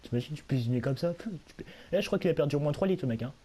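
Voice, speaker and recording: A hoarse young man, a little sick, giving rambling, self-mocking commentary while he plays a video game at home. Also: a little high, expressive, racing, warm tone. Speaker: gaming YouTuber. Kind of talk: casual let's-play commentary.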